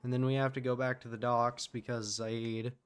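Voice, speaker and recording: Male gamer, medium pitch, casual playthrough commentary, sarcastic, crude, profane. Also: flat delivery, moderate pace, clear, resonant tone. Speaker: gaming video host.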